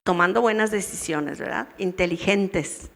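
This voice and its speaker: In a church with long hall reverb, a woman with a Mexican Spanish accent instructs a women's meeting. She keeps asking her listeners questions and acts out the responses of wives. Her mid-range voice is slightly bright, and her pace is moderate.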